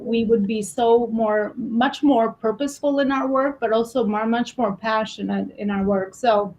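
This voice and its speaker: On a low-quality recording, a woman with a slightly high voice hosts a conversational panel interview show. She talks about business with real emphasis, often repeating phrases for effect.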